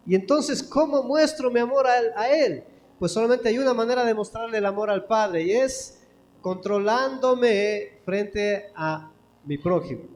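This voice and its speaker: Ecuadorian guy preaching in a church, high voice, lots of why-cant-i questions, long echo in the hall, bit of hum behind. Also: a little mellow. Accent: Ecuadorian Spanish. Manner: asks many rhetorical questions. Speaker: pastor. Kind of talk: sermon. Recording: echoey church hall with faint background noise.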